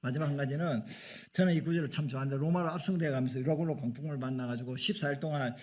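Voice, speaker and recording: A man's voice: medium pitch, fairly even intonation, rapid-fire, muffled recording. A male pastor delivering a sermon, asking the congregation questions and acting out voices in the stories he tells. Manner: asks the congregation questions and acts out dialogue.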